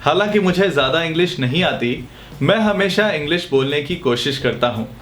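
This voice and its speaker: A man teaching English grammar in Hindi, reading the English example sentences very slowly and clearly. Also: on the high side, animated, a bit bright, echoey room, soft background music.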